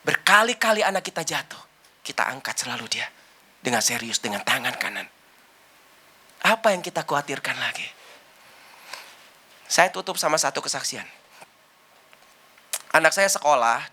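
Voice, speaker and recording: A woman's voice: low-pitched, sharp tone. A woman preaching a sermon and telling a personal testimony, acting out the people in her story. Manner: addresses listeners as brothers and sisters.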